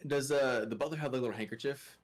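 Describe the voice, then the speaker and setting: A young man playing a tabletop game, questioning characters in a playful, drawn-out way. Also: mid-range voice. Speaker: player. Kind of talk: casual tabletop game play.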